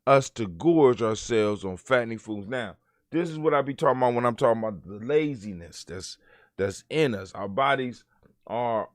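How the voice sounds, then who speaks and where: Male host, casual news commentary, animated with wide pitch swings, dry close mic. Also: no echo. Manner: animated, profane, rants and reads articles aloud. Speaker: podcast host.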